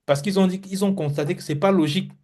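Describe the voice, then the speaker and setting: Male pastor, mellow warm tone, higher-pitched voice, lively teaching, stammers on words. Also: fast talker. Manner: animated teacher, acts out examples, stammers on words. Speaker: pastor teaching Biblical Hebrew. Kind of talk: classroom lesson.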